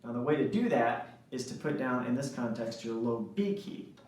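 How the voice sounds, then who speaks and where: In this instructional saxophone lesson, a man explains things step by step and keeps checking in with "right?" His mid-range voice is lively and somewhat dark, at normal speed. Captured in an echoey room with a distant mic, the audio has slight background noise.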